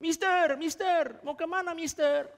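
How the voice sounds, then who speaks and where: A man doing excitable young village guys calling out. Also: very high-pitched, unhurried, in a large hall, voice pushed up. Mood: eager. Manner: eager, calling out.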